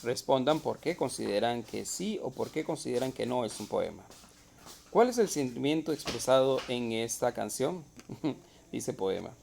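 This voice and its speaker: Gravelly male teacher. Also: medium pitch, animated, normal speed, darkish tone, slight background noise. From Costa Rica. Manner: explains step by step, asks rhetorical questions. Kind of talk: recorded literature lesson.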